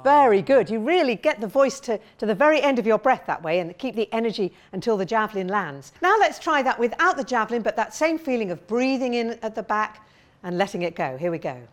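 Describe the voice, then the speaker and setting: A woman voice coach leading a vocal warm-up, encouraging and demonstrating sounds with big slides and shouts. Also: a little high, lively intonation, brisk.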